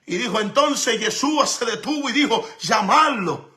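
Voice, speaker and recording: A man's voice: extremely high pitch, moderate pace, pushed and bright. A man preaching a sermon, emphatic and repetitive, asking rhetorical questions and mixing in Hebrew terms.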